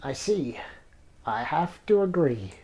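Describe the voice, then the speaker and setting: A man's voice: a little high, sing-song, takes it slowly, mellow. A man reading the lines of the investigator hero of a video game in his own voice.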